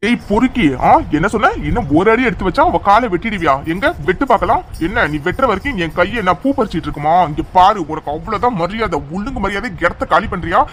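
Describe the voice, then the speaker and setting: A man's voice: sits high, animated, fast, few pauses, a bit bright, a little hiss or hum. A man voicing a hot-tempered young hero in a cartoon serial, blunt and threatening.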